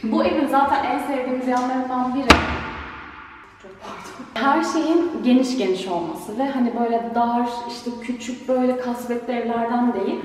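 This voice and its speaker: Giggly woman in a booming empty room. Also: far from the mic, noisy background. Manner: chatty, giggles often. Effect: heavy echo of a bare, empty room. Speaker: vlogger. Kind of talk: casual home tour vlog. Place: empty apartment, indoors. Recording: booming echo in an empty flat, off-mic.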